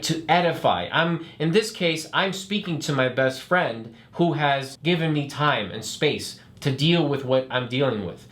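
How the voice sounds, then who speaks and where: A man teaching acting, explaining a method step by step in a clear, instructional way. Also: mid-range voice. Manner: clear, step-by-step explaining with demonstrated flat robotic line readings. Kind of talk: instructional talk to camera.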